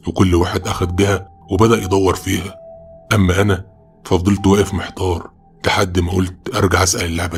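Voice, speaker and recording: A man with an Egyptian Arabic accent telling a first-person horror story in a brisk, dramatic, scripted narration. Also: low voice, creaky.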